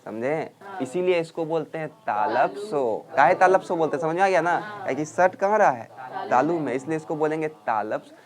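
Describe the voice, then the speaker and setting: A man teaching a grammar class, drilling students loudly and scolding them. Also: on the high side, expressive, normal speed, crowd noise. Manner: loud scolding drill teacher, calls and answers.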